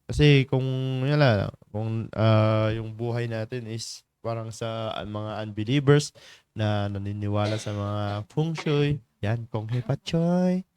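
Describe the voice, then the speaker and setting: A man hosting a morning church devotion livestream in a studio, chatty, laughing often and filling pauses. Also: on the low side, a little mellow, smooth. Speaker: devotion leader and livestream host. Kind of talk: casual livestream greetings and devotional talk.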